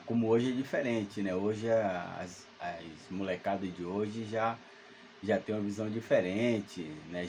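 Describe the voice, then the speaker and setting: A man's voice: on the low side, a little mellow, slight background noise. A man, telling a spooky childhood story at home in a rambling, hesitant way full of fillers and restarts. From Salvador, Brazil. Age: 50s. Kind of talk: casual spoken ghost story. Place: at home alone.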